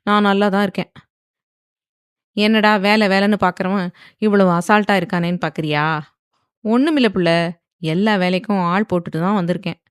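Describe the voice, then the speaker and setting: A woman's voice: mid-range voice, fairly even intonation, normal speed, long pauses, clean tone, no room sound, studio quality, natural voice. A woman voicing a teasing, protective young man who speaks in a playful but firm way in a storybook.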